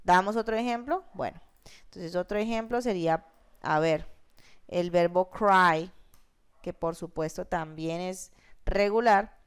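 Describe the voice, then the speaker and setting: A woman's voice: on the low side, measured pace, pauses often, clean tone. A woman teaching an English grammar lesson, explaining rules step by step and often checking in with her students. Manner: explains step by step, frequent check-ins like "¿listo?" and "¿sí?".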